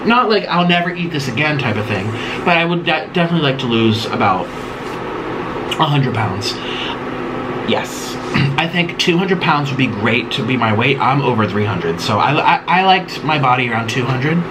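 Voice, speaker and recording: A man's voice: mid-range voice, moderate pace. A man in his late twenties chatting loosely while eating, reading viewer questions aloud and rambling with many ums and little giggles. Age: late 20s. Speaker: mukbang host. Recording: steady air-conditioner hum behind.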